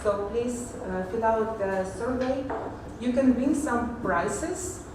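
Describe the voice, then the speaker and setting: A woman giving a technical conference presentation, pausing often with fillers and restarts. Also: fairly high pitch, noisy background. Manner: hesitant, many fillers and restarts. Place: large echoey conference hall. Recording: echoey hall audio from far off.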